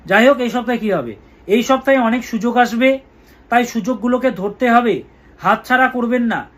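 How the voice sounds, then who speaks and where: A man talking as an astrologer through a weekly horoscope, slow and emphatic, repeating key words and chanting mantras. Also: extremely high pitch.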